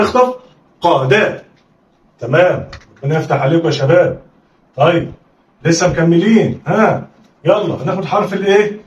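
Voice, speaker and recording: A man with an Egyptian accent, teaching children to read syllables, calling out sounds for them to repeat and praising them often. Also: high voice. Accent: Egyptian Arabic. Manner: call-and-response drilling, coaxing pupils to repeat; encouraging, blessing the pupils often. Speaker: Arabic teacher. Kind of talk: children's phonics lesson. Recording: echoey room, distant mic, dull lo-fi sound.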